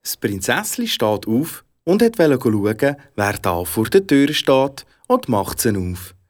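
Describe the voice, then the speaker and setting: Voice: medium pitch, slow pace. A storyteller with a Swiss German accent, narrating a fairy tale expressively. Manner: expressive, animated.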